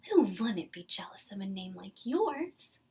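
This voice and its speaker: A woman voicing a doting, soothing storybook mother with drawn-out, cooing reassurance. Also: mid-range voice, sing-song, darkish tone, slightly rough, full character voice. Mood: sweet, reassuring.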